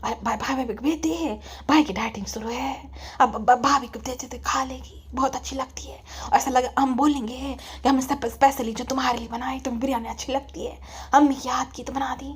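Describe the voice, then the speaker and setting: A woman voicing a middle-aged mother who gently scolds her daughter in a soft, half-whispered voice. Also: high voice, steady tone, moderate pace, slightly rough. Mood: chiding.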